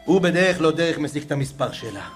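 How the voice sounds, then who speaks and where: A man telling a religious story as a preacher, dramatically swinging from hushed murmurs to raised, emotional exclamations. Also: a little high, animated, soft background music.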